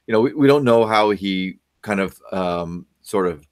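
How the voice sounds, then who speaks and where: A middle-aged man with a lowish voice speaks at a normal pace, offering parenting advice on a video call from his home office. He's a guest parenting expert who lectures, fires off lots of questions, and fills his speech with frequent fillers.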